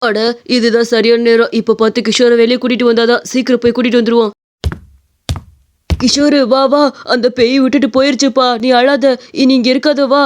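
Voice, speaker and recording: A woman voicing a brash cartoon young man, argumentative and scheming. His voice sits high, quick to bicker. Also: level tone, lightly acted. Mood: worried. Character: young village man, bold uncle, brash and plotting.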